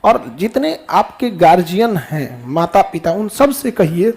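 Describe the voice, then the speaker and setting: A man gives a lively motivational speech to his students. His manner is folksy and full of jokes. He often asks the class a question and answers it himself. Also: high-pitched, measured pace, breathy edge. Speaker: teacher giving a motivational talk.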